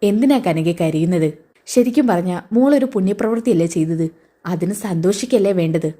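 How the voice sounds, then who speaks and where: A woman voicing a gentle, reassuring elderly grandfather in a spoken serial recap. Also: fairly low pitch, normal speed, natural voice. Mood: kind.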